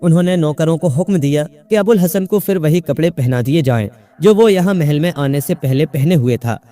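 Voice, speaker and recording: A man narrating a folk tale in a steady, measured storytelling manner. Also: fairly high pitch, soft background music.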